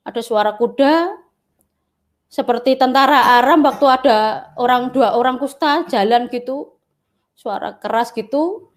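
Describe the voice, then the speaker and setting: High-pitched woman telling her story in an interview, earnest, keeps repeating herself and talking to the host. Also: a little slow, pauses often. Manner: earnest, repetitive phrasing, often addresses the interviewer. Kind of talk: personal testimony.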